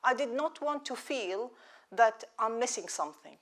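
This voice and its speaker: A woman in her sixties from Iraq, raised in Israel, telling her life story in a measured, reflective talk with rhetorical questions. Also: fairly high pitch, expressive. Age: 60s. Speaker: speaker at a live lecture event.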